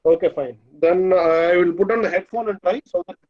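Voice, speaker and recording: A man's voice: high-pitched, fairly quick. A middle-aged man with a South Indian Tamil accent lecturing in a webinar, asking and answering his own questions over a video call. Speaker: dental lecturer. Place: small room indoors, on a video call. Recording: dull lo-fi video call audio.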